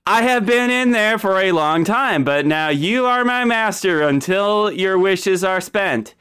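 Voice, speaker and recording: A young female genie trainee from a tabletop fantasy game, played by a man, with a high, clean voice. She is bookish, eager and easily flustered, rattling off her rules like an awkward customer-service script. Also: lively intonation, unhurried, fairly bright tone, smooth. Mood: formal, eager.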